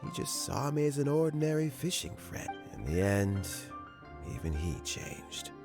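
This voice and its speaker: A man's voice: mid-range voice, sing-song, measured pace, music in the background. An actor playing a kindly, dignified elderly statesman in a video game, weary, courteous and reflective. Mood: reflective, candid. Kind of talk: video game character acting.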